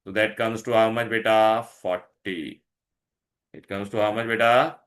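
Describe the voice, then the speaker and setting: A man's voice: lowish voice, fairly even intonation, unhurried, fairly bright tone. A man with an Indian accent teaching a lesson, instructive and repetitive, often stopping to check that pupils follow. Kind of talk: online science lesson, questioning pupils.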